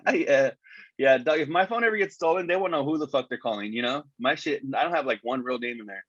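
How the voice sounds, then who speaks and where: A man's voice: mid-range voice, brisk, a bit bright, no room sound. A man chatting loosely as a podcast co-host, his voice thin and tinny through a wireless earbud mic. The lo-fi sound has a dull top end, and the room is dry and close. He rambles along, piling up swear words and fillers. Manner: rambling, heavy cursing and fillers. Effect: tinny sound from earbud microphone. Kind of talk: casual chat. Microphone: wireless earbuds as microphone.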